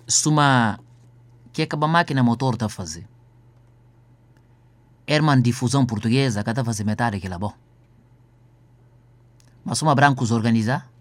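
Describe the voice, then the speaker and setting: A man's voice: mid-range voice, no echo. A man talking earnestly on the radio in a rambling way.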